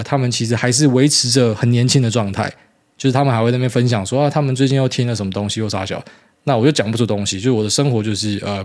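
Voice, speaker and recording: A man's voice: mid-range voice, a little mellow. A man in his thirties with a Taiwanese Mandarin accent, hosting a casual solo podcast in a rambling, blunt way with mild swearing. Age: 30s. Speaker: podcast host.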